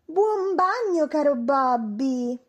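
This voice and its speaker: A woman voicing a boastful young male prankster dinosaur from a children's storybook, in a high, stretched-out cartoonish way. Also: slow, a little mellow. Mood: gloating.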